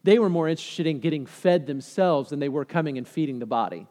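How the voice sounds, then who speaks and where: A man's voice: a little high, expressive, fast talker, mellow, big-room sound. A man in his thirties preaching a sermon with passion, throwing questions out to the congregation. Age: 30s.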